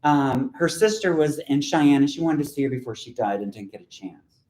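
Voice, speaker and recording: Poet, male voice, blunt and chatty with asides, mid pitch, reading to a live room with a roomy echo. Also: lively intonation, a little fast, darkish tone. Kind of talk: informal talk and poetry reading to an audience. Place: lecture room with audience. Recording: roomy echo from a lecture hall.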